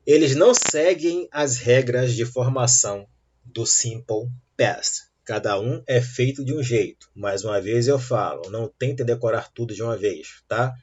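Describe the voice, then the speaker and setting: A man teaching English grammar has a mid-range, darkish voice with a breathy edge. Slow and patient, he keeps asking rising checks like "tá bom?" to make sure students follow, in a dull lo-fi recording.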